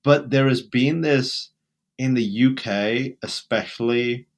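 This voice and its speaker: A man from England with a British accent speaks emphatically as a guest in a conversational interview, talking in bursts with restarts. His voice is medium-pitched and his pace slow.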